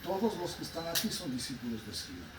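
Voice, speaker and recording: A man from Peru with a Peruvian Spanish accent, giving a spiritual talk and telling stories about his teachers. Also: quick pace. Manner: storytelling, quoting his teachers, animated rises in pitch. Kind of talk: sermon. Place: talk in a room in Lima. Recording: roomy, distant mic, noisy background.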